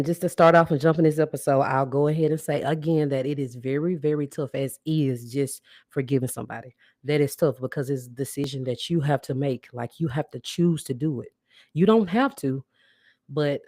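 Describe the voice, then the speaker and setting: A woman's voice: rumbling low, dark tone, no room sound, clean studio sound. A woman hosting a live podcast, talking bluntly and casually straight to her listeners and calling them sis and baby. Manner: greets viewers and asks them to interact. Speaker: podcast host. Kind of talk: live-streamed podcast monologue.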